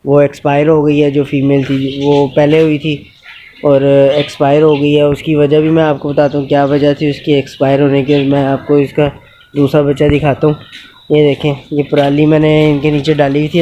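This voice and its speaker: A man in a casual instructional vlog, explaining goat care outdoors in an unhurried way with many pauses and fillers. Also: on the high side, completely flat delivery, dark tone, a little hiss or hum. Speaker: goat keeper and channel host. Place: outdoors in a yard with animals.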